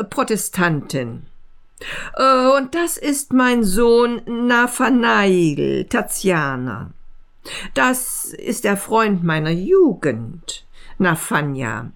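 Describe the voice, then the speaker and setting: A woman voicing a thin, excitable, chatty man who gushes and fawns over an old school friend in a read-aloud story. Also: mid-range voice, creaky, exaggerated voice. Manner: gushing, fawning, talkative.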